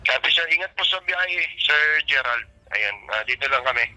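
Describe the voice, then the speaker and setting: A man speaking over a two-way radio, answering a radio check with polite, brisk radio procedure and signing off each turn. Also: mid-range voice, animated, pushed and bright, rough recording. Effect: voice heard through a two-way push-to-talk radio. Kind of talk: radio procedure talk, ending turns with "over".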